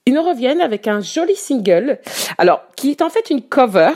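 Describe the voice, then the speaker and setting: A woman's voice: high voice, big pitch swings, a little fast, darkish tone. A woman presenting a music column on the radio in casual chat, hesitant with many fillers and restarts, often laughing as she talks. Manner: laughs easily while talking. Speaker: radio columnist presenting new German rock.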